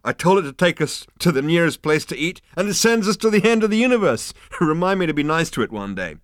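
A man's voice: on the high side, big pitch swings, a little fast, fairly bright tone, no echo, studio quality, pitched above the performer's own voice. A man reading aloud and voicing a brash, boastful, tipsy male alien adventurer, talking big and showing off. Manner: swaggering, showy, tipsy.

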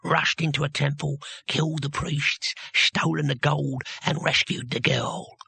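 A man's voice: on the high side, little pitch movement, unhurried, creaky, pushed and bright, breathy edge, dry recording, exaggerated voice. A man voicing a very old, wiry barbarian who speaks in blunt, threatening whispers with a damp, squelchy voice. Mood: gruff. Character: very old wiry male barbarian, menacing and gruff.

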